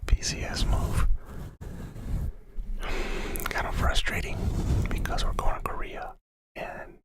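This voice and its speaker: A man from Cuba who grew up in Florida, whispering on a casual ASMR live stream, chatting with viewers close to a sensitive microphone. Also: poor audio. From born in Cuba, raised in Florida.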